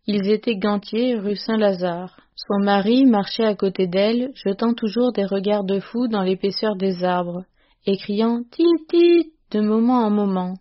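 A woman reading a classic short story aloud as narrator, in a measured, even storytelling manner. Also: medium pitch, dull audio. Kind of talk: scripted audiobook narration.

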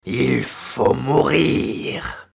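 A man voicing a cruel, murderous nobleman husband in a storybook reading, with a gravelly, raspy, menacing voice. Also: mid-range voice, extremely slow, pitched above the performer's own voice, full character voice. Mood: cold menace. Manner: menacing, bellowing threats.

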